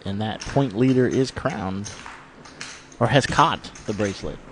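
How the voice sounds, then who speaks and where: A man's voice: lowish voice, a little slow. A man calling a live poker game as commentator, joking and trading banter with his co-host. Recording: noisy live stream.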